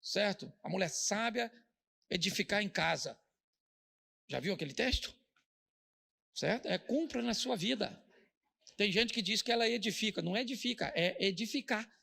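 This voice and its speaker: A middle-aged Brazilian pastor preaches with a joking, storytelling delivery and slips into the voices of the people he describes. His voice sits high and is heavily gravelly, full of fry. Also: lively intonation, normal speed, long pauses, sharp tone. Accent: Brazilian Portuguese. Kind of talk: humorous sermon.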